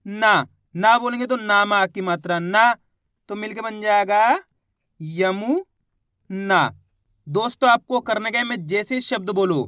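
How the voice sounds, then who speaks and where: A woman teaching how to read and write Hindi words, sounding each one out slowly and repeating it. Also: fairly high pitch, a bit bright, dry recording, clean studio sound. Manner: slow, repeats each word twice, asks the viewer questions. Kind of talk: spelling lesson.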